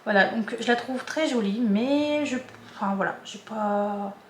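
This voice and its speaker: A woman's voice: fairly high pitch, a little slow, echoey room, a little hiss or hum. A woman vlogger chatting casually and hesitantly, with many fillers and restarts. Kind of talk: casual chat.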